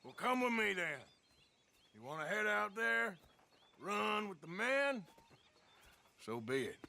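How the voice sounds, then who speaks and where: An actor playing a middle-aged outlaw gunman, gruff and dryly wry. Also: sits high, very animated, slow pace, pushed and bright, heavily acted. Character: weary, dry-humored outlaw gunman, middle-aged man. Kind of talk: video game acting. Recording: noisy game audio.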